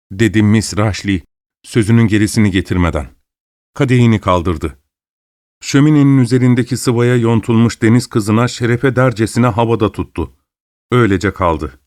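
A man narrating a literary story in a measured, even reading. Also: fairly low pitch, no echo, studio quality.

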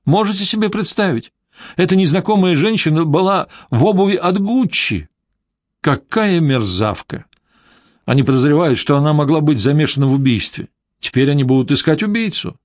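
Мужчина-чтец озвучивает бойкую, эмоциональную женщину Римму в аудиокниге. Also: male voice, fairly high pitch, expressive, normal speed, no room sound, clean studio sound, pitched above the performer's own voice, natural voice. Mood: indignant. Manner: bold, exclamatory. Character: lively chatty woman Rimma, adult.

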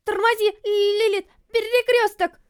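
A woman's voice: extremely high pitch, moderate pace, pitched above the performer's own voice. Iris, a stammering timid robot girl, as a woman puts her on. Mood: panicky. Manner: stammers in panic. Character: timid stammering young female robot housemaid. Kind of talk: storybook reading.

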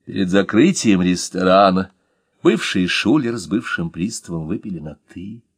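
A man narrating an audiobook in an expressive storytelling manner. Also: low-pitched, normal speed, husky, dry recording, clean studio sound.

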